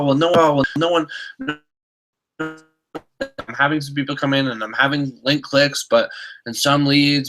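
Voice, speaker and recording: Over a video call, a man with a congested, somewhat nasal voice delivers a motivational coaching talk as an online marketing coach. His mid-range voice is bright and forceful, and he keeps circling back and restarting his sentences in an upbeat, repetitive way. The audio is poor.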